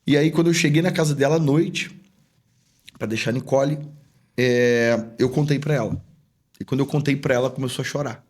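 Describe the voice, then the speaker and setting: A man's voice: mid-range voice, fairly quick. A man who is a pastor and business owner, telling a personal story as a podcast guest in a chatty, earnest way and acting out remembered dialogue. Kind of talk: casual storytelling in a podcast interview.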